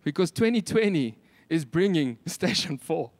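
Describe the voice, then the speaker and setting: A male preacher with a South African Afrikaans accent and a notably high voice delivers a sermon. He speaks emphatically, leaning on repetition and rhetorical questions, and the sound is dry and close. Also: lively intonation, moderate pace, dry recording.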